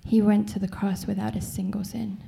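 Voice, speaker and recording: Gravelly woman interpreting a sermon live. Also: mid-range voice, little pitch movement, brisk, mellow. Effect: live English translation of a French sermon, line by line. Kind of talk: consecutive church interpreting.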